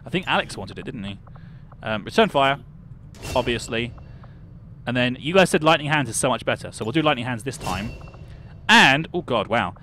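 With lively intonation and a pushed, bright tone, a young man from the UK streams a video game at a normal pace. He greets viewers by name and thinks aloud in casual chat. There's slight background noise.

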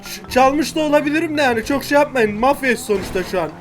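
A man commentating his own game with loud, playful gangster bravado. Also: extremely high pitch, expressive, fast talker, slight background noise. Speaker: gameplay commentator. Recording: music bed under voice.

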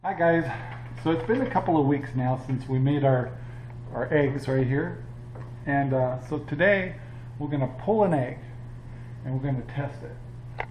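Older male cooking host, casual and unhurried, roomy kitchen sound with a dull edge. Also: mid-range voice, soft background music. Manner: easygoing, halting, chuckles often. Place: home kitchen. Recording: roomy, slightly dull home audio.

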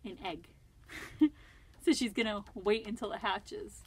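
A woman librarian reading a picture book aloud to children, gently asking them questions and laughing often. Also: mid-range voice, lively intonation, unhurried, very noisy. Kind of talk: storytime read-aloud for children.

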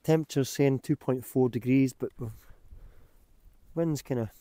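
A man, talking casually to camera from inside a small tent at night, relaxed and rambling with lots of ums. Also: mid-range voice, moderate pace, dry recording. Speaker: hiking vlogger. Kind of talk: casual vlog talk to camera. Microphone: camera held close while lying down.

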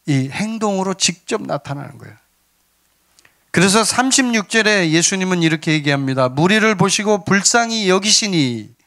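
A man's voice: sits high, expressive, normal speed, a bit bright. A man preaching a sermon as pastor, earnest, sometimes acting out pleas and scolding.

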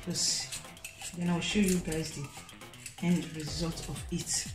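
A woman with a fairly low voice walks through a home cooking demo in a casual, chatty way, looping back on herself with fillers. Her kitchen sounds roomy and echoey, with soft music playing underneath. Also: steady tone, takes it slowly. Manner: chatty, repeats fillers like "so guys" and "you know". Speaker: cooking vlogger. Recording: echoey room with faint background music.

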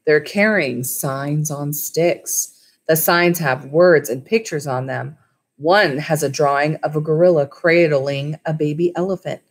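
With a low, slightly breathy voice and a measured pace, a woman in her thirties who teaches in a school library reads a storybook to children and talks to them casually. The recording comes from a webcam or laptop mic at arm's length in a small wood-panelled room at home.

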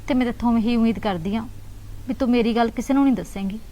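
A woman's voice: a little high, fast, lightly acted, poor audio. An actress playing a young married woman who anxiously begs her sister-in-law to keep a secret in a family drama. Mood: pleading. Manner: pleading, hushed, guarded. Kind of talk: Punjabi web drama acting.

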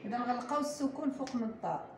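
A woman with a Moroccan Arabic accent teaching Quran recitation to a class, quizzing her students and slowly drawing out each example word. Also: a little high. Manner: patient, slow and drawn out when modelling recitation; quizzes the class and prompts answers. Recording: echoey room with steady background noise.

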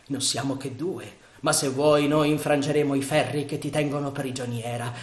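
A man's voice: mid-range voice, fairly even intonation, moderate pace, close to an everyday voice. A man as Sandokan, a passionate pirate chief. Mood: ardent. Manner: ardent, declamatory. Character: bold male pirate chief, passionate and fierce. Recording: roomy echo.

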